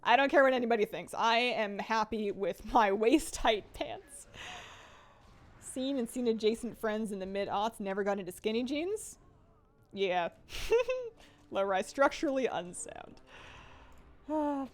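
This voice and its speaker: A woman's voice: medium pitch, expressive, normal speed. A woman in her late twenties chatting casually on a live game stream, reading chat and joking about herself. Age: 20s. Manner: chatty, self-deprecating, reads chat aloud.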